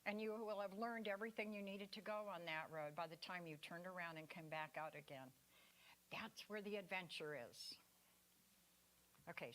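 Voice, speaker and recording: A woman's voice: lowish voice, a little hiss or hum. Chatty woman giving a Sunday talk. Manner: chatty and animated, playful asides. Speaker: speaker at a spiritual center. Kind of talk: sermon talk.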